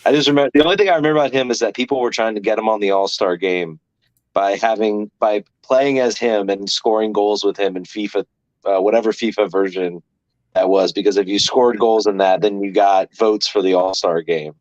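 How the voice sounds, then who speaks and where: A man's voice: fairly low pitch, brisk, dry recording. A man calling in by phone as a guest, chatting casually and joking with a laugh. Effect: heard over a phone line. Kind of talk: casual chat. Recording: lo-fi phone call.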